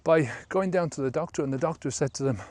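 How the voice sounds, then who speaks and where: A man's voice: fairly high pitch, fast, darkish tone, no echo. A man of about fifty, a sobriety coach, talking casually in a vlog while walking an outdoor trail, rambling with many fillers, filmed on a handheld camera at arm's length.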